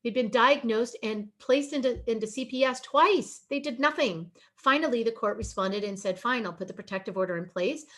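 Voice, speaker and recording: A woman's voice: on the high side, normal speed, hardly any pauses, fairly bright tone. A woman giving an earnest, pleading webinar presentation over a video call. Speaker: guest speaker on a webinar. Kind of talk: emotional presentation.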